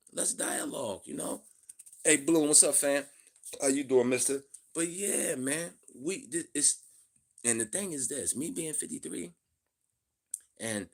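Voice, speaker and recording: Gravelly, husky man in his fifties, ranting. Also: mid-range voice. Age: 50s. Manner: blunt, profane, preachy rant; greets viewers in the chat. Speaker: livestream host. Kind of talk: livestream monologue.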